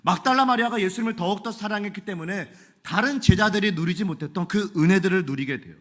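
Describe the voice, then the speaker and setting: A male pastor preaching a sermon in a church, animated and joking in a conversational way. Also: high-pitched, quick pace. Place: church sanctuary.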